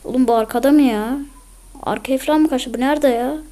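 A hoarse woman chatting through a mobile game match, bursting into excited yelling at tense moments. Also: high voice, brisk. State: hoarse from illness. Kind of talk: casual gameplay commentary.

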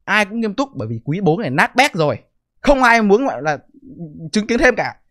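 Middle-aged male streamer, fast and animated, dry close mic. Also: sits high, no echo. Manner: blunt, profane, defensive ranting. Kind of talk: live stream reaction commentary.

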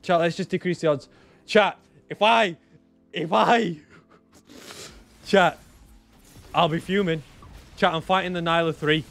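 A young man streaming a strategy game, chatting to his viewers, excitable, repeating himself and bursting into shouts and laughter. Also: high voice, takes it slowly, creaky, pauses often, faint music behind. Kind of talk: live gameplay commentary to chat.

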